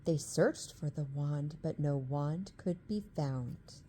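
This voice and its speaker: Calm, slow woman reading a bedtime story. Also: sits low, noisy background. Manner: calm, rhythmic rhyming narration. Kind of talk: bedtime story read-aloud, ASMR.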